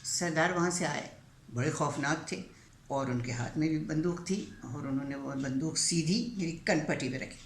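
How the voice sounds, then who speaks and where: An older woman storyteller narrating a true story in first person, measured and dramatic with drawn-out pauses. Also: low voice. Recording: roomy echo, faint background hiss.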